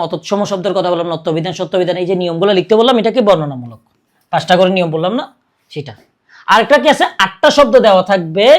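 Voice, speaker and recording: A young man teaching a casual exam-prep video lesson. He keeps checking in with his students and answers his own questions in a coaxing, friendly way. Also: sits high.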